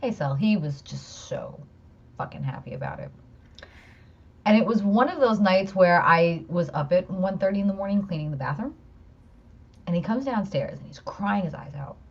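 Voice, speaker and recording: A woman's voice: mid-range voice, expressive, moderate pace, slightly rough. Lo-fi, profane storytelling woman. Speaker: podcast co-host. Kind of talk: casual chat. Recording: muffled lo-fi audio.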